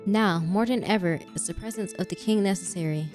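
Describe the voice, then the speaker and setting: A woman voicing a pompous, ceremonial game announcer proclaiming decrees in a raised, louder voice. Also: medium pitch, fairly quick, soft background music, close to an everyday voice. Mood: grandiose.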